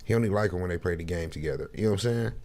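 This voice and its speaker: Gravelly streamer mocking a clip. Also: male voice, low voice, racing, darkish tone. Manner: laughing, mocking, slangy banter. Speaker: streamer reacting to a video. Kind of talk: casual reaction commentary.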